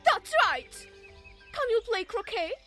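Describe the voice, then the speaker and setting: A woman's voice: very high voice, big pitch swings, slow pace, a bit bright, soft background music, heavily acted. A woman playing a furious, imperious storybook queen who barks commands in a theatrical audiobook style. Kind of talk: theatrical audiobook character acting.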